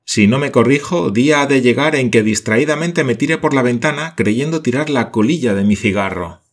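A man's voice: mid-range voice, lively intonation, moderate pace, voice pushed up. A man doing Paganel, a frantic absent-minded scholar. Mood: distraught. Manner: indignant, theatrical exclamations. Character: excitable absent-minded male scholar geographer. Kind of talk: audiobook character voice.

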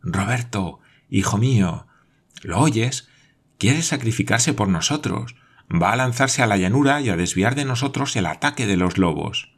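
A man's voice: fairly low pitch, expressive, a little slow, breathy edge, full character voice. A man reading an audiobook aloud, voicing a passionate, desperate Scottish lord who pleads and commands urgently. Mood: pleading.

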